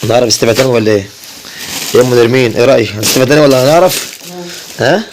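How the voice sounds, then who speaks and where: A man with an Egyptian accent, a family vlogger, chats casually and directly to his viewers, often repeating himself. His mid-range voice races along against a noisy background.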